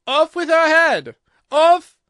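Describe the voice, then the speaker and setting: A furious storybook queen, played by a male narrator, pitched far up into a shrill bellow. She is imperious and bullying, snapping out severe orders with wildly swinging emphasis. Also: expressive, slow pace, no echo, studio quality, exaggerated voice. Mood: screaming fury. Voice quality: shrill, loud. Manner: barking, severe commands.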